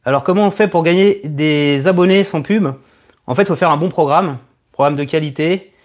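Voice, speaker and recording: A higher-pitched man in his thirties hosts a live Q&A stream, chatting casually with viewers about their questions. He's an online video creator whose speech is hesitant and halting, with words repeated as he thinks.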